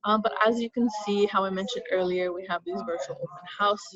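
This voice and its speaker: A young adult woman, a student orientation leader, hiccups through a casual video-call screen share of campus web links, chatty and upbeat with lots of fillers. Her mid-range voice is steady and fairly quick, with the highs cut off and a crowd audible in the background.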